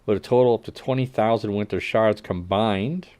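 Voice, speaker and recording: Reading game update notes on a livestream, a native English-speaking man with a fairly low voice talks at normal speed in a relaxed way. Working out the numbers brings lots of fillers and restarts, and after each note he tosses off a wry little remark that fades to a mutter.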